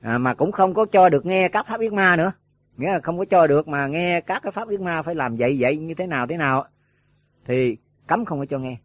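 Rambling monk, lo-fi. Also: male voice, a little high, fairly quick. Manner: rambling, repeats filler words, rhetorical questions. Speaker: Buddhist monk teacher. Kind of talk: dharma talk to monks. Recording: dull lo-fi dry recording.

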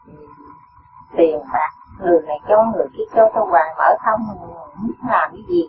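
A man's voice: a little high, normal speed. An older man, a follower, describing his family troubles in a weary, troubled way. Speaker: follower asking a question. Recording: distant, phone-like and noisy.

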